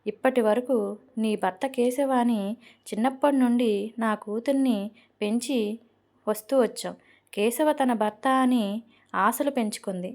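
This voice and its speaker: A woman's voice: fairly high pitch, a little slow, long pauses, a little mellow, natural voice. A woman voicing an angry middle-aged father who pleads for his daughter's marriage in an audio novel.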